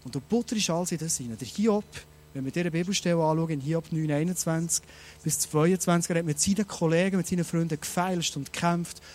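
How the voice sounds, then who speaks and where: Man, fairly high voice, lively sermon, rhetorical questions, addresses listeners directly. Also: fairly quick. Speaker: preacher.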